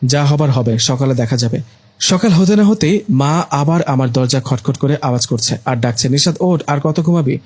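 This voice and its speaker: A man narrating a first-person story in a lively, exclamatory way. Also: mid-range voice, normal speed.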